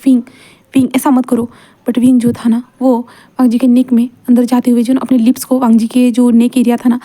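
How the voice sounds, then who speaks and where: A woman's voice: on the high side, mellow. Woman narrating a story in a chatty way. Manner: chatty, full of fillers and repeats. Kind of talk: casual fan fiction narration.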